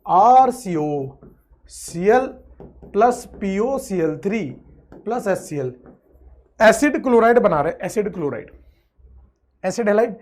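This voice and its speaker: A man teaching a chemistry lecture with energy and playfulness. He stretches out words, chants repeated phrases, and swings between loud outbursts and quiet asides. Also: sits high, expressive, takes it slowly, pauses often. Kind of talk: online exam-prep lecture.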